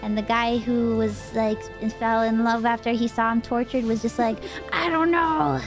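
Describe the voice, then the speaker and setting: A woman's voice: on the high side, monotone, normal speed, music in the background. A drunk woman livestreamer telling a story casually in a loose, rambling way. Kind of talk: casual storytelling, retelling a game plot.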